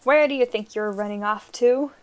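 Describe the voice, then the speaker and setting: A woman voicing a suspicious man who speaks in a sharp, challenging way, in a storybook reading. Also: a little high, normal speed, clear, resonant tone, close to an everyday voice.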